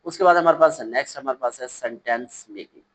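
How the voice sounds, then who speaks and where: A man teaches an English lesson for young children. His voice sits at an ordinary middle pitch, and he reads each English word slowly before explaining it, often pausing and correcting himself. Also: a bit bright, low-quality recording. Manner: slow, reads English words aloud then explains them, with hesitations and self-corrections.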